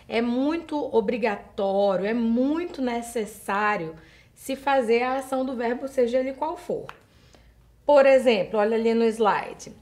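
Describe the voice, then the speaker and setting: A woman's voice: fairly high pitch, a little mellow. Brazilian woman teaching over slides. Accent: Brazilian Portuguese. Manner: slows right down to spell out example sentences; addresses the student directly with checking questions. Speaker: English teacher. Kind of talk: recorded video lesson over slides.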